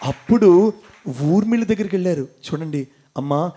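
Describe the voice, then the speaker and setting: High-voiced man telling a devotional story. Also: fairly quick. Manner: asks audience questions, acts out voices. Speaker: motivational speaker. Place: temple hall before an audience.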